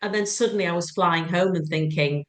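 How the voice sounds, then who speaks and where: A woman's voice: on the low side, a little fast. A woman, co-hosting a podcast in a casual chatty way and quoting her own thoughts. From England. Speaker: podcast co-host. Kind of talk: casual chat.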